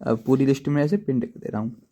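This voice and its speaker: Chatty man teaching coding, dark voice. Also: mid-range voice, steady tone, fast talker. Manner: chatty, repeats "ठीक है दोस्तों" often; self-deprecating asides to viewers. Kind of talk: casual tutorial explanation. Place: at home writing in a notebook.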